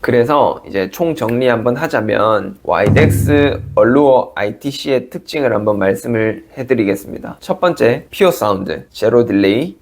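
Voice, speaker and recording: A man who runs a hearing center, explaining hearing-aid fitting in a calm, polite lesson. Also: medium pitch. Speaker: audiologist and hearing center director.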